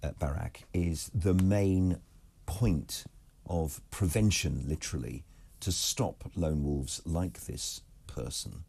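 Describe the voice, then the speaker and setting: A man hosting a broadcast interview, talking in an animated way and often cutting in with quick agreement. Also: creaky, breathy edge. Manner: animated, interjecting, rising emphatic pitch. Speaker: TV interviewer, host.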